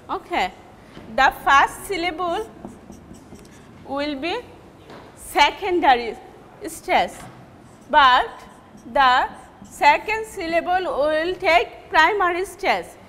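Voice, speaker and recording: A woman with a Bangladeshi English accent teaching word stress in a measured way, repeating the example words slowly. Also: very high voice, expressive, fairly bright tone. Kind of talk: classroom lecture on word stress. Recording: reverberant room with faint ambient noise.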